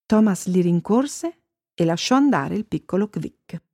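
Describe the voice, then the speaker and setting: A woman narrating a children's storybook in an expressive, lively way. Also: on the low side, a little slow, no room sound, clean studio sound. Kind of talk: storybook reading.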